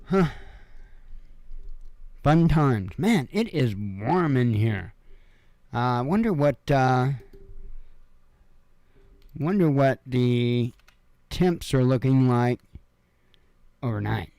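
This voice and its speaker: Man, slow unhurried delivery, smooth clear voice, dry close sound, offhand headline commentary. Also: mid-range voice, lively intonation, darkish tone, no echo. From Illinois, USA. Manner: offhand, rambling asides with many fillers. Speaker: news commentary host. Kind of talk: casual headline read-through with commentary. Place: home room.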